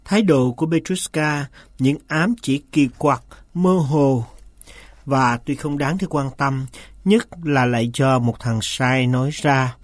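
A man narrates a novel for an audiobook in an even, measured way. His voice sits at an ordinary pitch. The sound is dry and close to the mic. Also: no room sound. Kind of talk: scripted narration.

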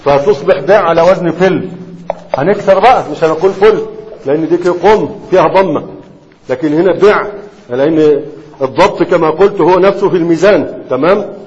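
A man with an Egyptian Arabic accent gives a classroom lecture, his voice sitting high for a man. He keeps pausing to check that his students are following. The sound is dull and lo-fi, with a long echo from a large hall. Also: a little mellow. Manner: keeps checking students' understanding with quick questions. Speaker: Islamic scholar teaching Arabic morphology.

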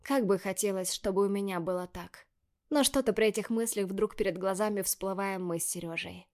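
A woman reading first-person scripted narration in a measured, expressive way. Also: mid-range voice. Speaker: audiobook narrator.

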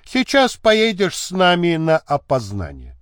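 A man's voice: sits high, huge pitch swings, unhurried, a bit bright, no echo, clean studio sound, heavily acted. A man playing a brusque detective who gives curt commands, in an audiobook. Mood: commanding.

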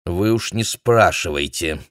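A man's voice: sits low, a little slow, dry recording, studio quality. A man voicing a young woman interpreter who speaks in a subdued, curt way.

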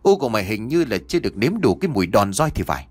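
A man's voice: low voice, animated, normal speed, no echo, pitched below the performer's own voice. A man voicing a drunk, lecherous and cruel old male official who slurs and threatens. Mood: menacing. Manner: slurring, leering, then menacing threats.

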